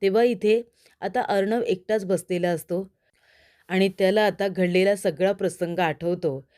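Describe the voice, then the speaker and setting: A woman recaps a TV serial episode in scripted storytelling narration. She speaks straight to her viewers in a steady, even manner. Her voice is soft and mellow. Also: mid-range voice, unhurried. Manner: addresses viewers directly, steady retelling.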